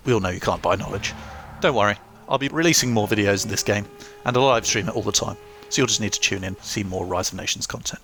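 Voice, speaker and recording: A man's voice: on the low side, fast talker, hardly any pauses, a bit bright, slight background noise. A young man reading a scripted game review with dry, self-mocking humour. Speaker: gaming YouTuber.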